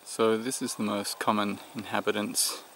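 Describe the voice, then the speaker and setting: A middle-aged Australian man, tired and short of breath, speaking off the cuff to camera in a halting, reflective way. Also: on the low side, flat delivery, fairly bright tone. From New South Wales, Australia. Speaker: vlogger. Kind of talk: unscripted vlog to camera. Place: outdoors in the mountains. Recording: noisy outdoor recording, rural background sounds.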